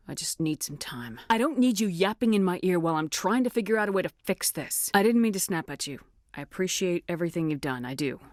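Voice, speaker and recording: Female military commander, played by an actress, sci-fi game lead. Deep for a woman, assertive, direct, resolute, recorded dry. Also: no room sound, natural voice. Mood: troubled, subdued. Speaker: voice actor for a game's lead character. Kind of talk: scripted game dialogue.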